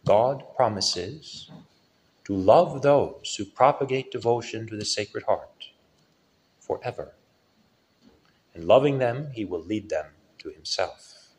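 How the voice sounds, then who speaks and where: A male priest giving a solemn sermon with a lively rise and fall in his preaching. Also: fairly low pitch. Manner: slow, solemn preaching with lively rises and falls.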